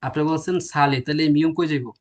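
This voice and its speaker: A man's voice: fairly high pitch, brisk, a bit bright. A man teaching a classroom lecture, explaining step by step and answering his own questions. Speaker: language teacher.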